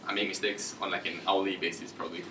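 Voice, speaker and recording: A man's voice: deep voice, level tone, quick pace, bright, forceful tone, a little hiss or hum. A man giving a casual career talk to students, chatty and informal, acting out quoted dialogue in raised voices. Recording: echoey room, distant from mic.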